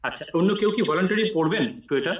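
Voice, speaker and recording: Male recitation teacher, somewhat high voice, patient explainer, slow drawn-out recitation, echoey muffled audio. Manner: explains patiently, then recites slowly with long drawn vowels. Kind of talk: online class teaching and recitation.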